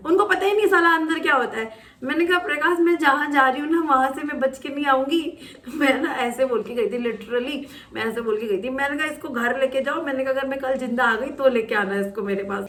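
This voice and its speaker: Animated young woman telling a story, roomy. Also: on the high side, recorded from a distance. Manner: animated, acts out quotes and shouts in retelling. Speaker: vlogger. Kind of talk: casual storytelling vlog. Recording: roomy echo, voice off-mic.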